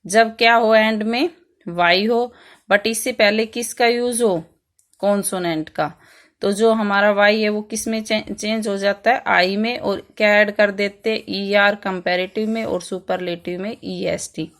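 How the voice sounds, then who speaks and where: Slow-spoken woman teaching grammar. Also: mid-range voice, steady tone. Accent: Indian English. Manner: reads rules out slowly in English, explains in Hindi. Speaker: school English teacher. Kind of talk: online grammar lesson. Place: Rajpura, Punjab.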